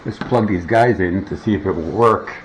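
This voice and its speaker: A middle-aged man's voice sits low and moves at a moderate pace as he casually shows a vintage gadget, muttering and rambling. He's indoors at a wooden table at home, captured in dull, noisy home camera sound.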